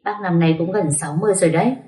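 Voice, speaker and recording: A woman's voice: on the low side, very fast, warm tone, far from the mic, lightly acted. A woman voicing a kindly housekeeper in her late fifties with a homely way of talking. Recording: roomy echo.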